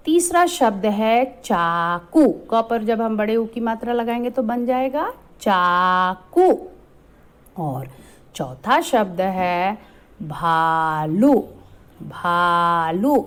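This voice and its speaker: A woman teaching Hindi to young children in a recorded lesson, patiently drawing out each syllable and mixing in the English word "so". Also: mid-range voice. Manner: slow, patient, drawn-out sounding of each syllable. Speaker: primary school Hindi teacher.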